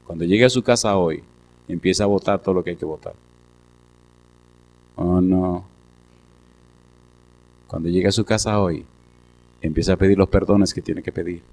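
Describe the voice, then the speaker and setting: A male pastor preaching a sermon, telling stories and acting out the people in them, moving between hushed storytelling and loud preaching. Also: low-pitched, fast talker, slight background noise. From Costa Rica. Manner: storytelling, acts out quoted voices, swings from hushed to loud preaching.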